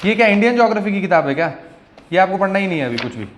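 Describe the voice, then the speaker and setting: A man's voice: high-pitched, sing-song, very fast, background noise. A male teacher giving a classroom lecture in a conversational way, often checking in with his students.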